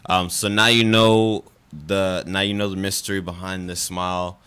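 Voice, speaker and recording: A man's voice: sits low, level tone, normal speed, a bit bright, clean tone, no echo. A young man hosting a casual radio talk show from a studio, rambling with lots of fillers. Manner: rambling, friendly, many fillers.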